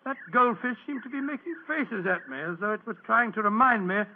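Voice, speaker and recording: Fussy, high-voiced old Doctor Watson. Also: male voice, animated, brisk. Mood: reflective. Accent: English. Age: older. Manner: stammering, blustery, huffy, pompous. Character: fussy, bumbling, good-natured old English doctor recounting memories. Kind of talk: 1940s radio drama acting. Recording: muffled old radio broadcast.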